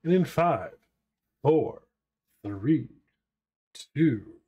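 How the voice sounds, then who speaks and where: A man's voice: medium pitch, animated, very slow, warm tone, husky. A man streaming games live, chatting casually and playfully with his viewers and laughing often. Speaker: variety game streamer.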